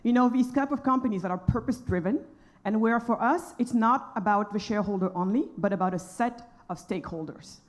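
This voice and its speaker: A woman from Senegal speaks on a conference panel, emphatic and outspoken. Her voice sits at an ordinary middle pitch and her delivery is passionate. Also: brisk.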